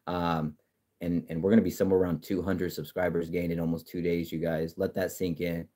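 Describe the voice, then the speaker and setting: A man with a fairly low voice hosts a loose, casual livestream, reading out viewer comments. He swears freely and talks trash, stumbling over restarts as he goes. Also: fairly quick. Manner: profane, excitable, trash-talking, frequent restarts. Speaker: livestream host. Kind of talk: casual live-stream chat reading comments.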